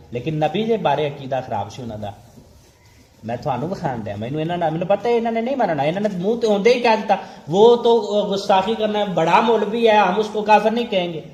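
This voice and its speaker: Fervent high-voiced Punjabi man preaching. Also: a little mellow. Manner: fervent, emphatic, repeats phrases for force. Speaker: religious debater. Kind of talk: heated religious debate. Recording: echoey room with faint background noise.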